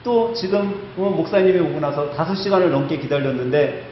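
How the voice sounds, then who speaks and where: A sulking hurt deacon, voiced by a preacher. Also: male voice, on the high side, a little fast, slight background noise, close to an everyday voice. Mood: sulky. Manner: complaining, pleading. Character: hurt, sulking man, a church deacon kept waiting. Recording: echoey church hall, slightly dull sound.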